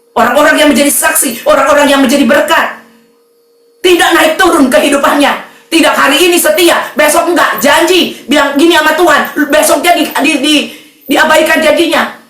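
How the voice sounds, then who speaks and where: High bright woman preaching in echoey hall. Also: recorded from a distance. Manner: animated preaching, calling out to the congregation. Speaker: pastor. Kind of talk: sermon. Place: church hall.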